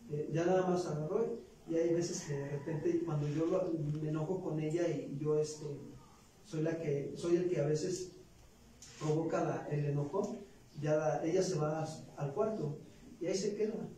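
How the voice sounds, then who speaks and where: A man's voice: a little high, steady tone, moderate pace, dark tone, a little hiss or hum. A man with a Mexican Spanish accent preaching a sermon, talking conversationally and tossing in rhetorical questions. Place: church. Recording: very echoey church room, voice from far off.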